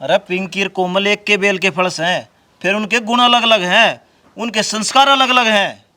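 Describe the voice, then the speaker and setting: Guy doing a high-voiced old haryanvi village dad, preachy and hurt. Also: normal speed, sharp tone. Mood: lecturing. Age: older. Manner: lecturing, wounded pride. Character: older village father-in-law, proud and pious.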